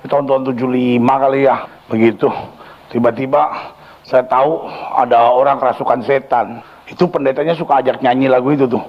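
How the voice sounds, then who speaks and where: A male pastor telling a story in a sermon, animated and joking, acting out the scenes for his congregation in a church. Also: medium pitch, brisk, muffled recording.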